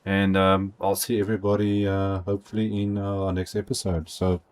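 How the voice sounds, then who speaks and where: Low-voiced man streaming a game. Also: monotone. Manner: rambling, thinks aloud, halting restarts. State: out of breath. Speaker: gaming live streamer. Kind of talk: casual live-stream commentary.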